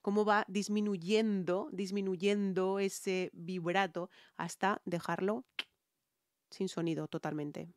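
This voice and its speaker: A woman's voice: mid-range voice, steady tone, slow, dry recording, studio quality. A woman with a Spain Spanish accent, a singer talking viewers through a song in an emphatic, chatty way. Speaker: singer reviewing music. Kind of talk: reaction and vocal analysis.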